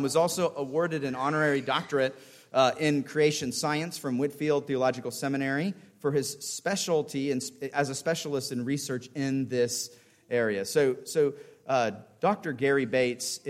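A man, a pastor, introducing a guest speaker in church in a halting way, often repeating words. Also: medium pitch, fairly even intonation.

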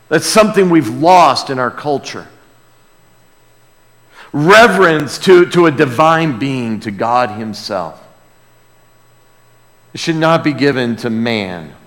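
A man with a slightly high, somewhat bright voice preaches an expository sermon emphatically, leaning on repeated key words and rhetorical questions. The recording takes place in a hall with long reverb.

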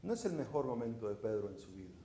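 A man's voice: fairly low pitch, very animated, fast talker, mellow, echoey room, slight background noise. A middle-aged man from Venezuela with a Venezuelan Spanish accent, preaching a sermon in a conversational, storytelling way, often putting rhetorical questions to the congregation.

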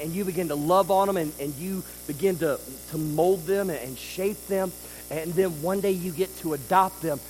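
Guy with a pretty high voice preaching a sunday sermon, gets loud then drops real quiet, lots of questions to the crowd. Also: slight background noise, low-quality recording. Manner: swings between loud emphasis and quiet intensity, with rhetorical questions. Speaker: pastor.

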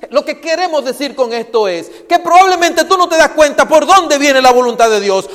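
A man with a very high voice preaches a sermon into a handheld microphone, pressing his listeners with rhetorical questions. He moves between loud, emphatic lines and hushed, quiet passages. A long reverb from the church hall trails every word.

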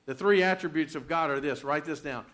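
A man's voice: on the high side, brisk, fairly bright tone. Conversational male pastor preaching. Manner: conversational preaching, reading scripture aloud with emphasis. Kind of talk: sermon.

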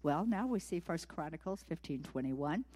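A woman preacher delivering a sermon, telling a biblical story in an animated way and acting out its scenes. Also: sits low, moderate pace, big-room sound.

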